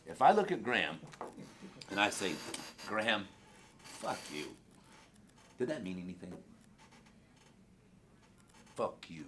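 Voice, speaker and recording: A man's voice: fairly low pitch, very animated, normal speed, pauses often, background noise. A man giving a blunt, profane sales training talk to a group in a training room.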